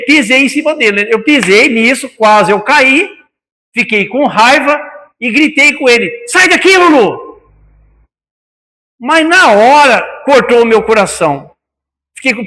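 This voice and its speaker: A man's voice: very high-pitched, animated, normal speed, sharp tone. A man with a Brazilian Portuguese accent giving a spiritist talk to an audience, calling them brothers and asking many rhetorical questions, in a meeting hall. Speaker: spiritist lecturer. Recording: long hall reverb.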